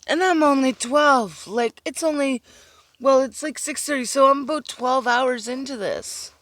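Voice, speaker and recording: A woman's voice: high-pitched, a little slow, fairly bright tone, no echo. A sleep-deprived woman vlogging from inside a car, giggly and rambling as she talks to herself. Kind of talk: casual vlog talk.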